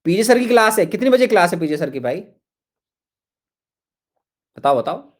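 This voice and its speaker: A male chemistry teacher gives an online lecture. His voice sits a little high for a man. He coaxes and repeats himself, calling his students his children. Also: sing-song, normal speed. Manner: coaxing, repeats phrases, calls students "my children".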